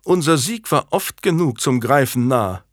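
A man voicing a genial, self-assured young English king in an audiobook, speaking in a lively, smiling way. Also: mid-range voice, a little slow, no room sound, clean studio sound, lightly acted. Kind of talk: audiobook character voice.

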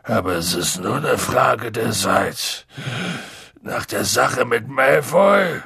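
A man voicing a huge, drunk and gloomy half-giant gamekeeper with slow, slurred speech. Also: mid-range voice, expressive, vocal fry, sharp tone, slightly rough, no room sound, clean studio sound, full character voice.

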